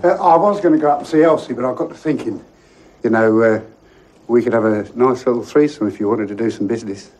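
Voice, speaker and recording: A man's voice: medium pitch, fast talker, a little mellow, lightly acted, low-quality recording. A man playing an awkward, furtive, seedy customer, speaking hesitantly in a naturalistic television comedy-drama. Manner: hesitant, stammering.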